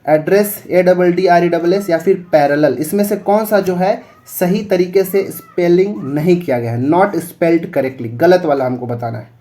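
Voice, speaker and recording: A man's voice: sits high, moderate pace, hardly any pauses, warm tone. A male teacher explaining English spellings for exam preparation, spelling words out letter by letter and checking in often.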